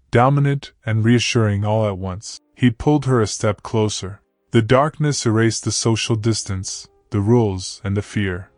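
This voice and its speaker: A man narrating a romance story in a slow, dramatic, lingering delivery. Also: fairly low pitch, a little mellow, no echo.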